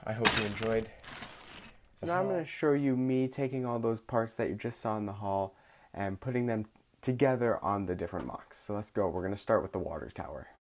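A young man talks through a casual home vlog in a fairly low voice, upbeat and chatty, often stopping for an um. He records on a phone in a small bedroom, with a faint hiss behind him. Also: fairly quick. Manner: chatty, upbeat, with frequent ums. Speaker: vlogger.

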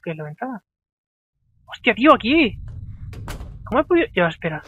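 A man commentating a video game as he plays, reading the dialogue aloud and swearing and talking to himself in an excitable, chatty way. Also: high voice, brisk, breathy edge, phone-quality sound. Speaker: gameplay commentator.

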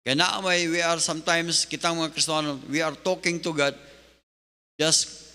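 Animated pastor preaching in a hall. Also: male voice, on the high side, unhurried. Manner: animated preaching, switching between Bisaya and English. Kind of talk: sermon. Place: church hall. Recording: long hall reverb.

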